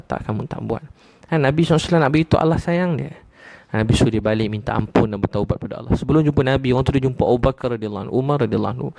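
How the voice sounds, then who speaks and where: A man with a Malaysian Malay accent giving a religious lecture, repeating his points in a gently emphatic way and dropping to soft lows. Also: vocal fry, dry recording. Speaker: preacher.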